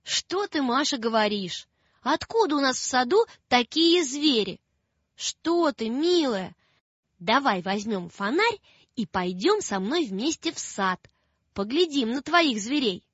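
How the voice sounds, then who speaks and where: A woman voicing a gentle father who softly soothes his scared daughter. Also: sits high, sing-song, unhurried, slightly rough, dry recording, heavily acted. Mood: soothing. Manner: soft, quiet, reassuring. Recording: dull lo-fi sound with faint music.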